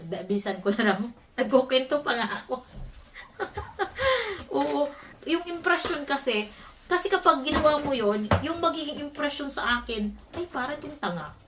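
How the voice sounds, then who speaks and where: A high-pitched woman from the Philippines tells a story to her vlog audience in a casual, emphatic way, laughing often between points. Her voice sits a little away from the mic. Faint noise hums underneath. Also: normal speed, recorded from a distance. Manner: animated, emphatic, laughs often while telling. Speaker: vlogger.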